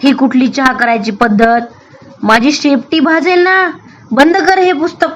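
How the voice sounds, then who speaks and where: A woman voicing an excitable young male rabbit in a storybook, with a high, pleading, fretful voice. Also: measured pace. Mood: indignant.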